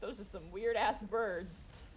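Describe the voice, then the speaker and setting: A woman's voice: medium pitch, steady tone, slow pace. A woman game master narrating a tabletop role-playing game in a conversational, improvised way. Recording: background noise, room ambience.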